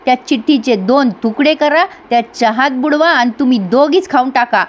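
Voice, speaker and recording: An irritable young husband brushes people off with curt, blunt retorts, as a woman reads him. The voice stays high, and he sounds dismissive. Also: normal speed, close to an everyday voice. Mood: irritated.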